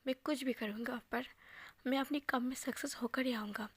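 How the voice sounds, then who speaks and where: A woman's voice: high voice, fairly even intonation, normal speed, husky, dry recording. Woman reading as a desperate, proud young man. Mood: pleading.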